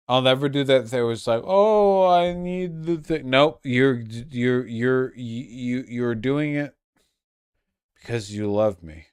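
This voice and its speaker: A man's voice: medium pitch, clear, resonant tone, no room sound, clean studio sound. A very drunk man rambling on a casual livestream, crude, losing his thread and stumbling over repeated words. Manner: crude, swearing.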